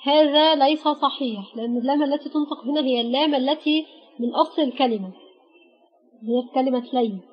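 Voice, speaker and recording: A woman's voice: high-pitched, slightly rough. Patient Egyptian woman teaching Arabic letters. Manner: patient, spells out letters one by one with pauses. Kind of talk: explaining a grammar lesson. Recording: dull lo-fi recording.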